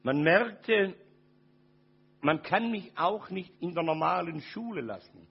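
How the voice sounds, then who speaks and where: Older man, gravelly and husky. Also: high-pitched, expressive, slow pace, muffled recording. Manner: dramatic, swings from loud to very quiet. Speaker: speaker giving a testimony. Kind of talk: personal testimony talk to an audience.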